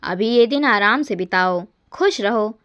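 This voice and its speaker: A woman voicing a gentle, kind middle-aged mother-in-law who reassures softly and warmly. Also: mid-range voice, expressive, a little slow, clean tone, lo-fi sound. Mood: reassuring.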